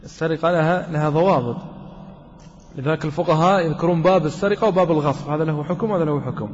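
A man teaches grammar to a class, putting questions to his students and repeating words slowly. His voice sits a little high and sounds husky. The muffled, lo-fi recording carries a long hall reverb. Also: darkish tone.

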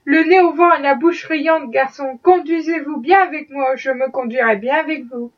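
A woman's voice: high voice, moderate pace, recorded from a distance, muffled recording, lightly acted. A woman reading an audiobook, voicing a cold male slave trader who speaks curtly and dryly. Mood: false cheer. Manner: curt, dry, commanding.

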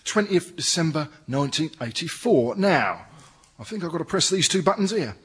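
A man's voice: fairly high pitch, sing-song, moderate pace, a bit bright. A man acting a blustering police sergeant in a comedy sketch. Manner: blustering, playful, breaks into impressions. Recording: noisy old recording.

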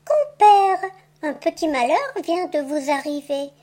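A cunning, boastful rabbit trickster, as a woman reader puts him on for a storybook. He talks high and unhurried with a teasing, playful slyness. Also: dark tone. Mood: sly. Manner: sly, playful, theatrical. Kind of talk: audiobook tale reading.

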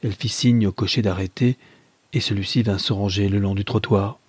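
An audiobook reader, a man, narrates a classic novel in a measured, steady way. His voice is low and husky, captured in a dry, close recording with no room echo.

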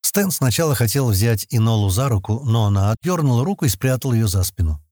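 A male narrator reads a story in a husky, mellow voice that moves lively up and down. The sound is dry and close, taken on a studio mic with no room around it. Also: mid-range voice, brisk, no echo. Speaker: audiobook narrator. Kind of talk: scripted narration.

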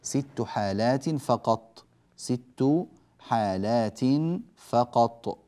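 A man teaching a recitation lesson, patiently explaining rules and chanting verse examples slowly. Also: medium pitch, mellow. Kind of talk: tajweed lesson.

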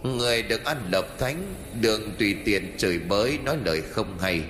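A man voicing a solemn disembodied immortal sage who admonishes, speaking softly in a horror story. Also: on the low side, expressive, normal speed, echoey room, long reverb tail, a little hiss or hum. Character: stern disembodied immortal sage's voice.

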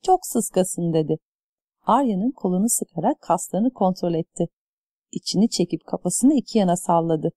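A woman narrates a story at an even, measured pace. Her voice is warm and mellow in tone, and it is recorded close to the mic in a dry space with no reverb. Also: on the low side. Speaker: audiobook narrator. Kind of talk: scripted narration.

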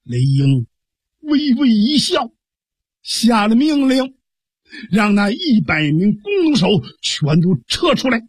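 A male storyteller in traditional Chinese style, dramatic and lively with spoken sound effects. His voice is high and swoops widely, with a husky edge. The recording is dry and close. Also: slow, dry recording. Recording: dry studio radio recording.

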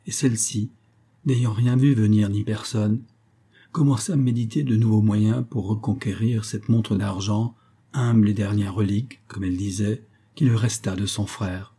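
A man with a lowish, breathy-edged voice narrates a classic novel as an audiobook, reading in a measured, even way.

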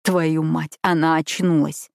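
Woman voicing a hoarse, fierce young man. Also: deep voice, level tone, takes it slowly, no echo, studio quality, exaggerated voice. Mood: furious. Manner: growling, curt, through clenched teeth. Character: fierce gruff young man, commanding, protective. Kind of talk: audiobook character voice.

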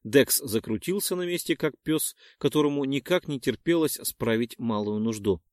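A male audiobook narrator tells the story with a lively, shifting intonation. His voice sits at an average pitch and is recorded close and dry, with no room around it. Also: moderate pace, dry recording. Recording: dry close studio sound.

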